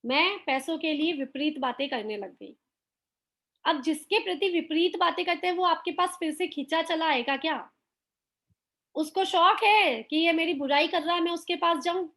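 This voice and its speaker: A middle-aged woman with a very high voice leads a live online class. She keeps putting questions to her listeners and acts out small family quarrels to make her points. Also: moderate pace, a bit bright. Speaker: motivational teacher.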